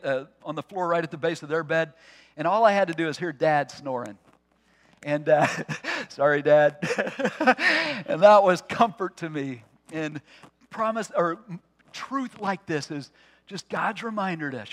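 A man preaching a sermon to his congregation, earnest and personal, dropping to a soft hush on key phrases. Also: high voice. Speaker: pastor.

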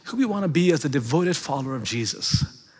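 A man preaching a sermon as pastor, swinging between loud, emphatic peaks and hushed, quiet passages. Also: a little high, expressive, fairly quick, husky. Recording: long reverb of a large hall.

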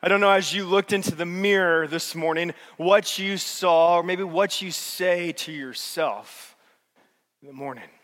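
A male pastor preaching a sermon, swinging between loud emphatic peaks and soft, low passages. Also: a little slow. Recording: long hall reverb.

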